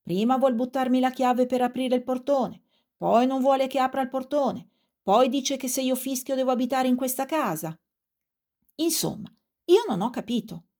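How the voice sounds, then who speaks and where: A woman voicing a pedantic, quarrelsome little man with a stubborn logic, calling out loudly and a little higher than her narration. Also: normal speed, close to an everyday voice. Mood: indignant. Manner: loud, shouting up to a window.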